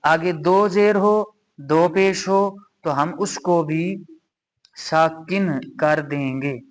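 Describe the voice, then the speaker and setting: A man with a Pakistani Urdu accent teaching a Quran reading lesson, patiently repeating each rule and reciting examples slowly. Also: fairly high pitch. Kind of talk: slow explanatory lesson.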